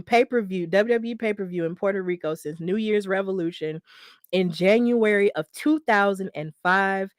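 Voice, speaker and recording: A woman, a native English speaker, hosts a solo wrestling news podcast, chatting in an upbeat way with plenty of fillers and self-corrections. Her mid-range voice comes through a dry, clean studio recording.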